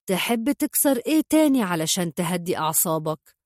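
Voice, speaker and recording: A stern Egyptian father who answers everything with icy calm, read by a woman in her own voice. The delivery is measured and cutting, in a dry, close recording. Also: on the low side, no echo. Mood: cold calm. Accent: Egyptian Arabic.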